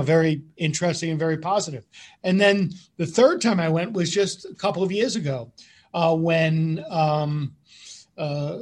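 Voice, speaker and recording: Halting priest hosting a radio talk show. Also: male voice, fairly high pitch. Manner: halting, with many fillers and repeated words. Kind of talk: conversational radio interview.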